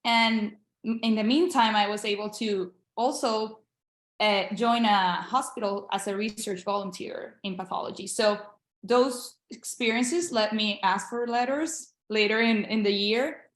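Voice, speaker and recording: A young Venezuelan woman, a Spanish speaker and international medical graduate, is a guest in a casual video-call interview. She speaks earnestly and encouragingly, often restarting her sentences. Her mid-range voice is measured in pace and sounds reverberant.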